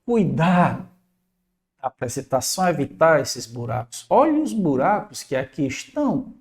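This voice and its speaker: A Brazilian man leads a recorded exam-prep lesson, his voice rising and falling in wide, lively swings. He sounds casual and animated as he keeps drawing attention to examples in front of him. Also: on the high side, normal speed. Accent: Brazilian Portuguese. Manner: animated, conversational, points at examples on screen.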